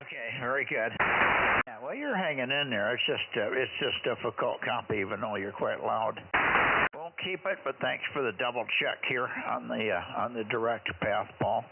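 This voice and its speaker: A man's voice: medium pitch, normal speed, creaky. A man running an amateur radio net, chatting in a casual, folksy way between callsigns over a radio transmission. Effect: ham radio transmission. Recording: narrow radio band with faint noise.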